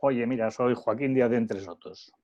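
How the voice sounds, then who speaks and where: A man's voice: mid-range voice, normal speed, darkish tone, no room sound. A man asking casual, direct questions as an audience member in an online question session, heard through lo-fi call audio.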